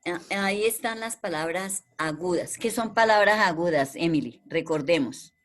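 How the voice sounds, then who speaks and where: Over a video call, a woman teaches a primary school class online, patient and steady, repeating the key words again and again so her pupils learn them. Her voice is on the low side and her speed is normal.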